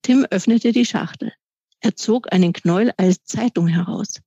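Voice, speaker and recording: Calm woman reading a children's story. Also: mid-range voice, moderate pace, breathy edge, no room sound. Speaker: author. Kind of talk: reading aloud from her children's book. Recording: dry, slightly dull recording.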